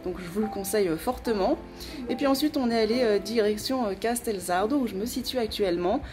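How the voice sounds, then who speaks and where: A woman's voice: mid-range voice, brisk, music in the background. A young woman hosting a casual travel vlog outdoors, speaking with many hesitant filler sounds. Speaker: travel vlogger. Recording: outdoor camera audio with background noise.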